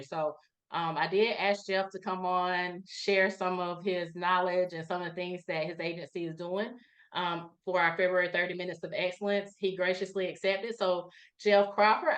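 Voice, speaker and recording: Friendly woman hosting a webinar. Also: on the low side. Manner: friendly, with many fillers. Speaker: webinar host. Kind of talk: webinar introduction.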